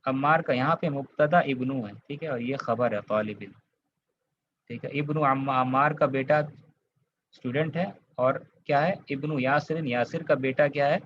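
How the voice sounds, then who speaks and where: The audio is lo-fi and a little dull, with faint hiss, capturing a man from India who teaches Arabic grammar in an Indian accent. His voice is medium in pitch and a bit bright, at normal speed, as he patiently repeats material and checks that students understand.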